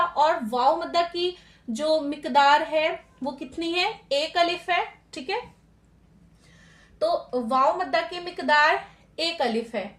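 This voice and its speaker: A woman with a high voice gives a patient tajweed lesson. She keeps asking questions and answering them herself, and she draws out sounds slowly to demonstrate them. The recording has a roomy echo. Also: a bit bright. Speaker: Quran recitation teacher.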